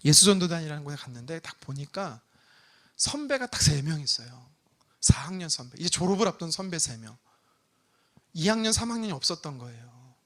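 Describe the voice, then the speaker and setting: A man's voice: fairly high pitch, brisk. A male pastor preaching a Sunday sermon, telling a personal story with acted-out prayers. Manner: animated storytelling with prayer re-enactments.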